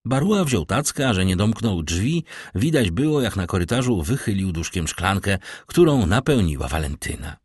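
A man narrating an audiobook in an expressive storytelling manner. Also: lowish voice, normal speed, hardly any pauses, husky, no echo, studio quality.

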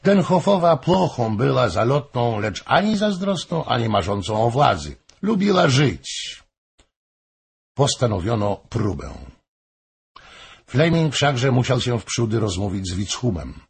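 A male audiobook narrator reading a historical novel in a measured storytelling tone. His voice is low, very husky and gravelly, and it moves slowly with lively rises and falls. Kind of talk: scripted narration.

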